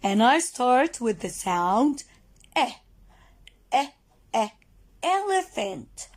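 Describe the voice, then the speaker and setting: Woman playing a loud, friendly Mister Elephant. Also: a little high, big pitch swings, very slow, full character voice. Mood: cheerful, proud. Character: friendly big male elephant greeting children.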